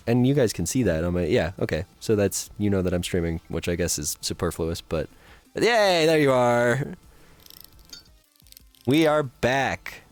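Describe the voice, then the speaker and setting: A man's voice: fairly low pitch, darkish tone. A man streaming live, chatting casually with viewers and thinking aloud as he builds.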